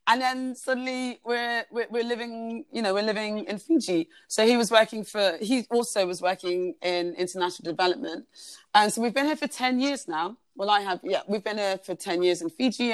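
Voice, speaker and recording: Speaking fairly quickly in a smooth, mid-range voice, a woman from Uganda shares her story as a podcast guest. Her conversational telling is full of fillers and restarts, and there's no room sound.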